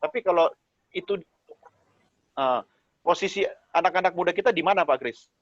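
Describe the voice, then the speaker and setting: A man's voice: sits high, normal speed, no echo, dull audio. A man in a casual online discussion, asking rambling questions while his voice breaks up over a bad connection.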